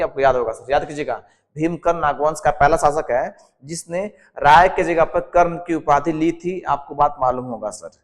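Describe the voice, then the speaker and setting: A man's voice: fairly high pitch, in a large hall. A man with a Jharkhand Hindi accent teaching an exam-prep lesson, quizzing the class and repeating each term again and again. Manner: drills answers as questions, repeats each term; constantly adds a respectful "sir" to the students. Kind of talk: whiteboard lesson with a mnemonic.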